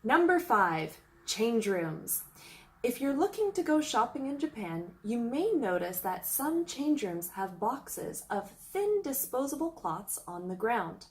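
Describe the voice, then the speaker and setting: Lively young woman reading a travel list. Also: fairly high pitch, slow pace. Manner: reads a countdown list aloud, upbeat and explanatory. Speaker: travel vlogger. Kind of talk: scripted travel narration.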